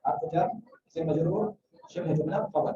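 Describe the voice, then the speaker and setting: A man teaches Arabic grammar to a classroom, quizzing students and often checking that they follow. His voice is mellow and dark. It is picked up from a distance, roomy and dull, like muffled classroom audio. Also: a little high, fairly even intonation, normal speed. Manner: questioning students, repeating "theek hai?".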